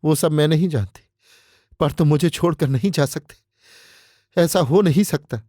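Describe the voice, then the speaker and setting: A man's voice: on the high side, normal speed, dark tone, dry recording, studio quality, natural voice. A male narrator voicing a distraught married woman who pleads in a choked, breathless way, read as an audiobook character.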